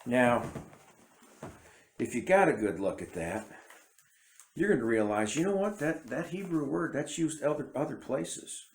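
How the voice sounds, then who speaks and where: Speaking to camera in a reverberant space with a faint hiss or hum, this man delivers loose, conversational Bible commentary that keeps interrupting itself and starting over. He's an independent teacher whose first language is English, with a medium-pitched, animated voice, a slightly slow pace and frequent pauses.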